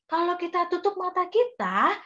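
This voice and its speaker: A young Indonesian-accented woman tells a children's Bible story in a sing-song, coaxing way, keeping the little ones with her at every turn. Her voice sits high and sounds bright. The recording is dull and lo-fi. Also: very animated, moderate pace. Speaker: Sunday school storyteller.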